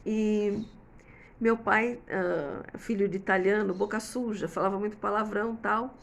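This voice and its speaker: Responding to viewer comments, a host in her fifties chats about parenting in a casual way, peppering her talk with "né?" and everyday examples. She has a mid-range voice with fairly even intonation and vocal fry, speaking a little slowly.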